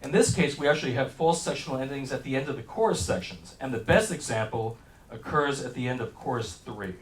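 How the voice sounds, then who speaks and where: A man's voice: mid-range voice, a little fast, echoey room, recorded from a distance, rough recording. A man giving an enthusiastic classroom lecture that breaks down how a hit song is built. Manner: explanatory, enthusiastic, talks over music examples. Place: lecture hall. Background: song excerpts playing faintly.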